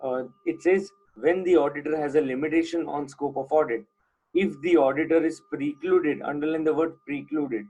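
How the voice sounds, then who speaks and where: A man's voice: fairly high pitch, moderate pace, a little mellow, breathy edge, soft background music, rough recording. A man teaching an online class, putting questions to students and repeating the key points.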